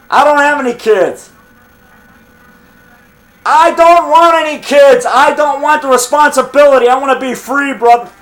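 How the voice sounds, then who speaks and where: A man's voice: very high-pitched, a bit bright, rough recording. A middle-aged man in a combative, off-the-cuff phone argument, defiant and boastful, punctuating his points with "brother" and "pal.". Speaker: low-budget monster movie maker.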